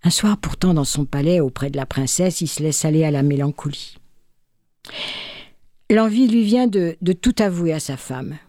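Warm-voiced woman reading a folk tale. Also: low-pitched, no room sound, clean studio sound. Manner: expressive, measured telling. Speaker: storyteller.

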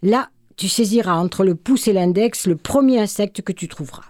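Woman reading a stern folk-tale king; solemn, commanding, warm and dry. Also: medium pitch, moderate pace, no room sound, voice pushed up, lightly acted.

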